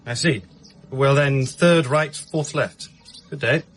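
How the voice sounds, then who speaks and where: An actor as Vincent Spaulding, sly, polite assistant. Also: male voice, medium pitch, takes it slowly, faint music behind, lightly acted. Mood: curt. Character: smooth-talking, sly, discreet pawnbroker's assistant. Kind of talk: British radio drama acting.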